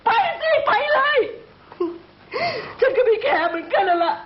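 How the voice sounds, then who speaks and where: An actress playing a jealous young wife who has been drinking, sarcastic and accusing, with tearful outbursts. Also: female voice, sits high, sing-song, moderate pace. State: tipsy from drinking. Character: jealous, tipsy young wife, bitter and wounded. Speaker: wife in a TV drama. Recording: dull lo-fi TV sound with music score.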